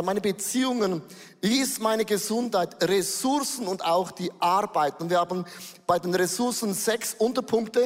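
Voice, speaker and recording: Man, pastor, lively sermon, English phrases sprinkled in, long hall echo. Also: high-pitched.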